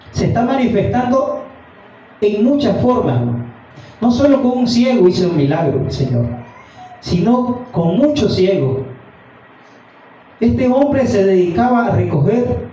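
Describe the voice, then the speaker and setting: A man's voice: high voice, big pitch swings, measured pace, pauses often, mellow. A man preaching a fervent evening sermon, reading scripture aloud and calling his listeners brother. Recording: dull, roomy sound from a distant mic.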